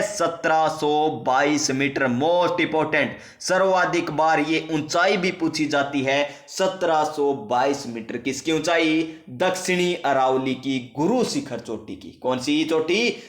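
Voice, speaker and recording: A man's voice: a little high, roomy sound. A male teacher giving an exam-prep geography lesson, asking and answering his own questions and repeating key facts. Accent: Rajasthani.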